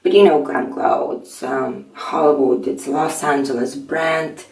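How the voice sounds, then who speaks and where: A middle-aged woman with a raspy early-morning voice, chatting softly through a skincare tutorial and filling her pauses with "um". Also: sits low, steady tone. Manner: soft-spoken, chatty, with frequent fillers. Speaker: beauty vlogger. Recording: echoey room, mic at a distance.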